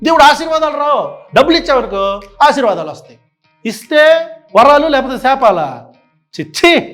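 Full of indignation, a man with a very high, slightly bright voice delivers reaction commentary at a moderate pace with big pitch swings. He stacks up sarcastic rhetorical questions while faint music plays behind him.

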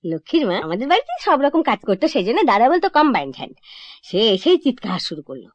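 In a slightly high voice at a quick pace, a woman plays a chatty young divorced woman in a comic stage monologue, lively, confiding and correcting herself. The recording is dry, old, dull and lo-fi.

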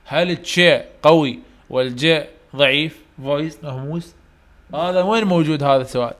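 A man with an Iraqi Arabic accent gives a university English lecture, reading English questions slowly and explaining them in Arabic. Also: on the high side, fairly bright tone. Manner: asks students questions and answers them himself. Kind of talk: online lecture.

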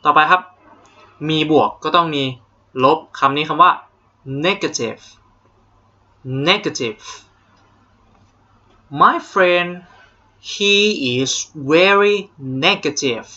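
A man's voice: a little high, lively intonation, slow pace, long pauses, pushed and bright. A young Thai man teaching English vocabulary to students in a playful, joking way, with a Thai accent. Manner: playful, jokey, drills English words with exaggerated pronunciation. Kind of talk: online vocabulary lesson. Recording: dull lo-fi home recording.

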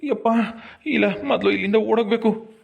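A man's voice: high-pitched, moderate pace, creaky, phone-quality sound. A man playing a cowardly rich village landlord, panicking and crying out in a rustic comedy skit. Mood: terrified. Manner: frightened, cries out to gods and stammers.

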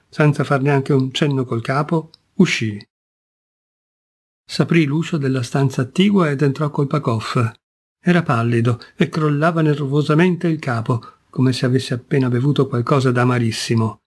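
A man narrating a classic short story in a measured, expressive storytelling voice. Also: mid-range voice, breathy edge. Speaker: audiobook reader. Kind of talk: scripted literary narration.

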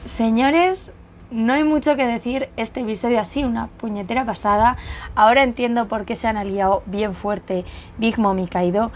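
A young woman, reading a manga chapter aloud and reacting with excited exclamations. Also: on the high side, slight background noise. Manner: excitable, exclamatory, quick to gasp and laugh.

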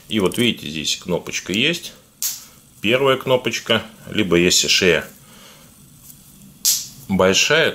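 A video blogger with a deep, sharp voice gives casual, halting unboxing commentary, talking informally and conversationally to his viewers. He has a speech impediment affecting his R sounds, a burr that distorts how he pronounces them. Background noise with clicks is clearly audible.

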